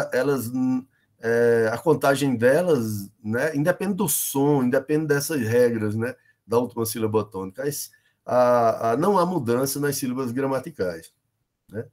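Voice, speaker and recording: A middle-aged man with a Brazilian Northeastern accent, teaching an online lesson on poetic meter and checking in with his students often. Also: mid-range voice. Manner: explanatory, many fillers and checks like "né?" and "beleza?".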